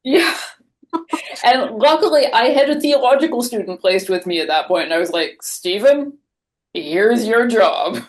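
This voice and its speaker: A woman's voice: a little high, moderate pace. A woman who is a priest, telling stories candidly and wryly with frequent laughter, speaking over a video call. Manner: candid, self-deprecating storytelling with laughter. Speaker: Anglican priest. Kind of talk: webinar conversation.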